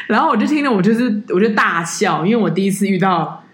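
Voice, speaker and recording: A woman's voice: mid-range voice, reverberant. A woman, chatting as a podcast co-host about her tour-leading work and acting out the people she quotes. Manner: animated storyteller, acts out quoted people. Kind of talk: casual podcast chat, storytelling.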